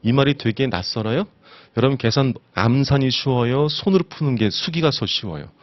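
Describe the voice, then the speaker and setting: Animated male exam-prep lecturer. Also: mid-range voice, a little fast, no room sound, lo-fi sound. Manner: animated, asks students rhetorical questions. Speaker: instructor.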